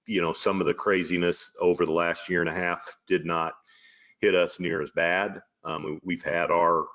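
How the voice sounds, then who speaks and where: A man's voice: low-pitched, little pitch movement, normal speed, fairly bright tone, lo-fi sound. A man hosting a casual chat, talking in an affirming, rambling way with many fillers.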